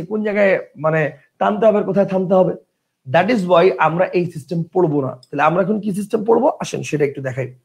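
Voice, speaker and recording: A man, teaching a class and asking his students questions in a lively way. He says he is tired after a long day of teaching. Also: high-pitched, creaky. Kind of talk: classroom lecture.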